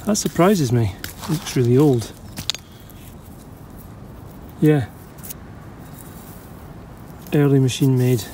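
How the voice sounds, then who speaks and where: Digging for old bottles outdoors, this Scottish vlogger talks to camera in a chatty, enthusiastic way, musing aloud and sometimes getting winded. His voice is mid-range, warm and animated, yet he takes things slowly. There's a little background noise at the dig site.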